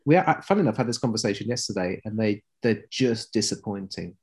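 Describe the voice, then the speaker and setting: A man chatting as a podcast guest, playful and self-deprecating, often pausing and restarting. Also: on the low side, animated, darkish tone. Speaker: guest, weather presenter. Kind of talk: casual podcast chat.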